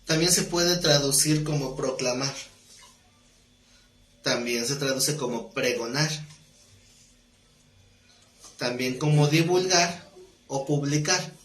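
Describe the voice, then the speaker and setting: A man's voice: mid-range voice, takes it slowly, pauses often, fairly bright tone. A man teaching an exegetical Bible study class, explaining passages, reading scripture aloud and putting questions to the class. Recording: roomy echo with faint noise.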